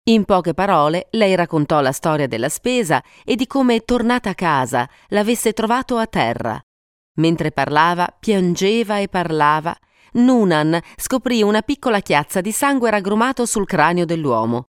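A woman narrating a story for an audiobook, reading expressively with dramatic pauses. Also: lowish voice, big pitch swings, clear, resonant tone, no room sound, studio quality. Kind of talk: scripted narration.

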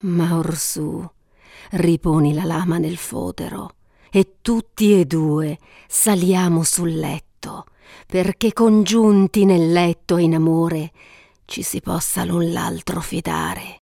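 Woman as a soft coaxing enchantress goddess, hushed, epic storybook. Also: lowish voice, steady tone, slow pace, vocal fry, no room sound, studio quality, exaggerated voice. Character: female enchantress goddess, seductive and cunning.

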